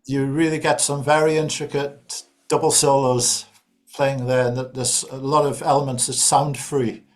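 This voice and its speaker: A man's voice: medium pitch, level tone, normal speed. A man interviewing a guitarist, asking long, knowledgeable questions.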